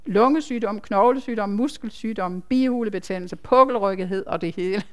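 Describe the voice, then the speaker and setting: A woman, a nurse, giving a chatty, emphatic personal testimony to a congregation, with asides to the listeners. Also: mid-range voice.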